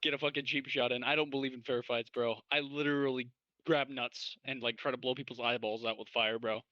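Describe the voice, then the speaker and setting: A young man playing a tabletop game, excitable and swearing a lot, often shouting his lines. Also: mid-range voice, a little fast, dry recording, lo-fi sound. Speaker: player.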